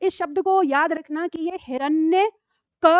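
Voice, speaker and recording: A woman's voice: very high voice, measured pace, no echo, dull audio. A woman teacher giving a live classroom lecture, patiently explaining spelling tricks and asking her students questions. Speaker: Hindi teacher.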